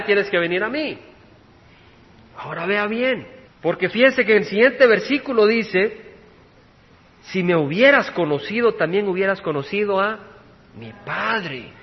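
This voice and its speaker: High-voiced preacher in a reverberant hall. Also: male voice. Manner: preaching with rhetorical questions, swinging from loud to hushed. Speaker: pastor. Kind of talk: sermon. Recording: dull lo-fi recording with long hall reverb.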